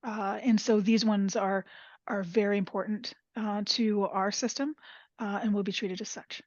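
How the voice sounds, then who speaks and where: A woman's voice: mid-range voice, fairly even intonation, moderate pace, no room sound. A woman answering as a panelist in a webinar over a video call, thinking aloud and searching for her words. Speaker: forensic panelist. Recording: muffled video call audio.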